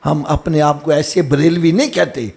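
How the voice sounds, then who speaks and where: A man with a Pakistani Punjabi accent preaching a sermon at a live religious gathering, moving from low explaining to high shouted exhortation. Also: fairly even intonation, creaky.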